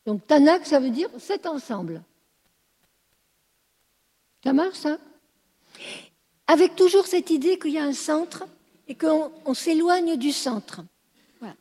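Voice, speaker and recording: A woman's voice: high-pitched, animated, slow pace, pauses often, dark tone, big-room sound. A woman teaching a class, explaining at length and often checking whether her listeners follow. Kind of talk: classroom lecture.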